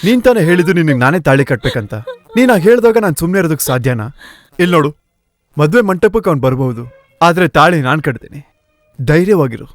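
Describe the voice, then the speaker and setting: A bold young hero, pitched a little high and very lively in his inflection. He sounds defiant and protective, with film music faint behind him. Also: fast, no echo. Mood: reassuring. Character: bold young man defying a rival. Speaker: hero, the cousin in love. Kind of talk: Kannada film dub.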